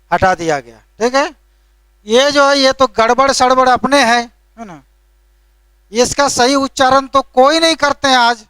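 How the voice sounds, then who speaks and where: A male teacher lectures a classroom in a very high, bright and forceful voice. His tone is smooth and resonant, and the sound is dry and close. He explains patiently but scolds lightly, and keeps checking in with a tag question after each point. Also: no room sound.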